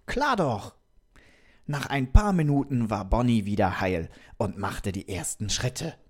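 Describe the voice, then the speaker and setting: A man's voice: lowish voice, unhurried. A man voicing a friendly, curious robot from another planet, telling a children's story and asking the kids questions. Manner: lively, talks directly to the kids with questions.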